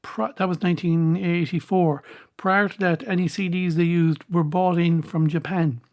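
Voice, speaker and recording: A woman's voice: fairly low pitch, fairly even intonation, normal speed, darkish tone. A woman hosting a music podcast, chatting casually between songs with frequent ums and restarts.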